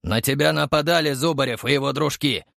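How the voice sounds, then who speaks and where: A man voicing a gruff army sergeant who barks questions and orders. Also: mid-range voice, fairly quick, no echo, clean studio sound, voice pushed up. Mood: barking. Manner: barking, loud.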